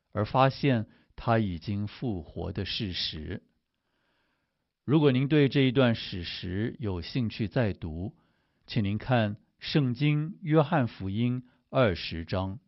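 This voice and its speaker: A man giving a scripted radio introduction, addressing listeners in a measured way. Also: mid-range voice, no echo. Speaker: radio announcer. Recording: dull lo-fi recording.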